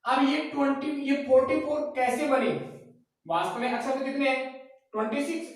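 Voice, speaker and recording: A man's voice: extremely high pitch, a little fast. A man teaching a class who asks his own questions, answers them, and repeats each key point. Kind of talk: classroom lecture. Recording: very echoey room, mic far off.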